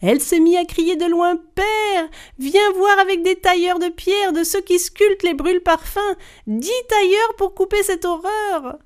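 A young girl heroine , as a woman puts her on, calling out from a distance in a much higher, louder voice. Her cries ring urgent and breathless with excitement. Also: fairly quick, few pauses. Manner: high, urgent calling from afar.

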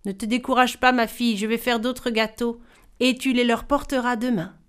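A woman voicing a kind old village widow who speaks gently and reassuringly, clear-toned and a little high. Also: steady tone, moderate pace, close to an everyday voice. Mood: comforting.

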